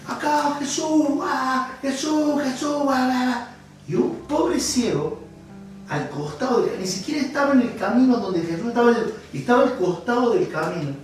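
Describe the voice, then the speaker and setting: Male preacher with a Cordoban Argentine accent, animated and joking, distant mic, big echo. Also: high voice. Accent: Cordoban Argentine Spanish. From Córdoba, Argentina. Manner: animated storyteller, jokes with the congregation, bursts into shouts. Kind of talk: sermon. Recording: echoey hall from a distant mic, faint music.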